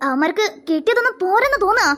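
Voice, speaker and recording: A woman's voice: very high-pitched, lively intonation, racing, a bit bright. A woman voicing young college friends in a cartoon, comforting and scolding each other. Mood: scolding gently. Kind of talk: Malayalam cartoon voice acting.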